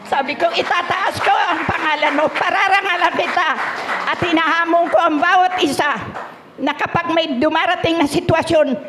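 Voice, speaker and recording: A woman's voice: sits high, a bit bright. An older woman giving an earnest, prayerful church testimony. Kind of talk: spoken testimony.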